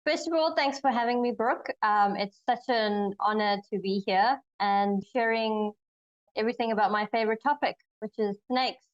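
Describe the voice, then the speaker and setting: A woman's voice: fairly high pitch, normal speed, muffled recording. A young woman from Zimbabwe, a snake researcher, answering interview questions thoughtfully over a video call, with frequent fillers and restarts. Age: young adult.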